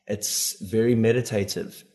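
A man's voice: fairly low pitch, fairly even intonation, measured pace, a little mellow. A man with a South African accent, chatting expressively and casually as an author guest on a radio show. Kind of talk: casual interview chat.

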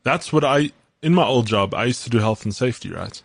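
A man's voice: medium pitch, animated, brisk, gravelly, husky, dry recording. A man in a casual chat, earnest, explaining his views with everyday examples and a few stumbling starts.

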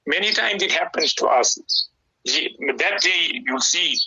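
Forceful, husky South African Indian male preacher. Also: fairly high pitch, expressive, unhurried. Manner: emphatic, preacherly, repeats key phrases. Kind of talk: conversational radio sermon. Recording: slightly dull radio broadcast sound.

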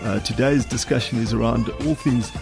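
A man in his fifties, co-hosting a podcast and speaking hesitantly with frequent pauses. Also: mid-range voice, gravelly, over music. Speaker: podcast co-host. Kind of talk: casual podcast chat.

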